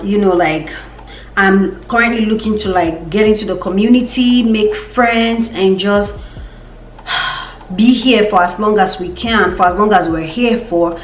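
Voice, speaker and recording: A woman's voice: medium pitch, reverberant, a little hiss or hum. A young woman with a Nigerian accent, chatting casually in a vlog update and repeating words for emphasis. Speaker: vlogger.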